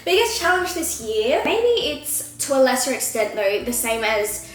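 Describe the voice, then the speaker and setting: A woman's voice: sits high, sing-song, moderate pace. A woman, chatting casually and self-consciously as she reacts to an old video of herself at home. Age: 20s. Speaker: vlogger. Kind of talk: casual reaction vlog chat. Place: apartment at home. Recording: roomy room with soft music.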